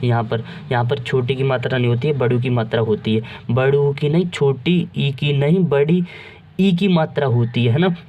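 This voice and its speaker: A man's voice: medium pitch, normal speed, dull audio, slight background noise. A man teaching Hindi spelling, who keeps asking and answering his own questions and calls his listeners friends. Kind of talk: spelling lesson.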